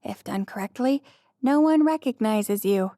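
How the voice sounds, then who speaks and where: A woman's voice: a little high, expressive, a little slow, mellow, dry recording, clean studio sound. A woman voicing a modest young woman pleading to avoid flashy ski clothes, in an audiobook. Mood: fretting. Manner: pleading, self-deprecating. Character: awkward modest young woman out of her element.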